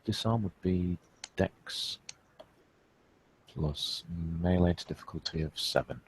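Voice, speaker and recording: A man running a tabletop role-playing game as storyteller, explaining rolls with many pauses and fillers. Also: low voice, expressive, a little hiss or hum. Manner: hesitant, lots of fillers.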